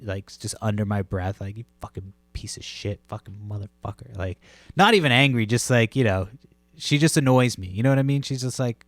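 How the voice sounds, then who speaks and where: A man with a low voice tells a long, rambling story for his podcast, swearing constantly and leaning on fillers. The sound is dry and close, with no room echo behind him. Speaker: podcast host. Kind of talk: casual solo podcast rambling. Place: home.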